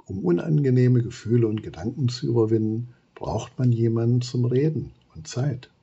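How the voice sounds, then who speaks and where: A man reading aloud, voicing a wise female giraffe who speaks calmly and reassuringly, in a husky voice. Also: mid-range voice, normal speed, lo-fi sound. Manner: calm, reassuring.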